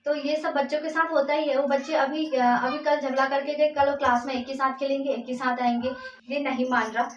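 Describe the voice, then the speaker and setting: A woman's voice: high voice, flat delivery, fairly quick, a little hiss or hum. A woman vlogger and mother telling a personal story at home, emotional and rambling, with many fillers and restarts. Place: room at home. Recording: echoey, distant, dull lo-fi sound.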